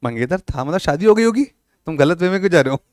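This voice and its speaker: Playful male classroom teacher, crisp voice. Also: on the high side, lively intonation, fast, dry recording, clean studio sound. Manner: playful, teasing students with questions. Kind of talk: classroom lecture.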